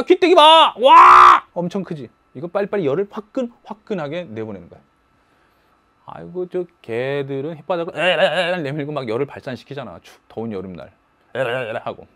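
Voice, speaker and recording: A man teaching a high school biology lecture in a lively, playful way, breaking into sudden shouts and silly voices.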